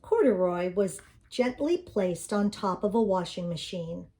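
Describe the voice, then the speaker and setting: A woman's voice: medium pitch, animated, a little slow, mellow. An older woman reading a children's picture book aloud in a sweet, grandmotherly storytelling manner.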